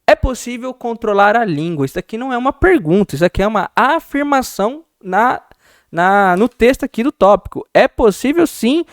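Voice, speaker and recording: Young male teacher, higher voice, chatty Bible lesson, dry close sound. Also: dry recording. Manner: conversational, repeats phrases, acts out calm replies. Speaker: youth Bible class teacher. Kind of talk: casual church Bible lesson.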